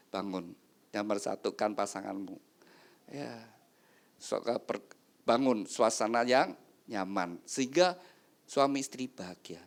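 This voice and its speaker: A man preaching a wedding sermon, often rising loud for emphasis. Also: medium pitch. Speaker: pastor.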